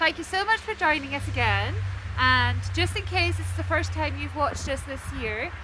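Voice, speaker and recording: A woman leading a children's sing-along session in a bright, overenthusiastic party host manner, talking to young children. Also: high-pitched, lively intonation, normal speed. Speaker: children's singing session leader. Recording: noisy recording with loud background noise.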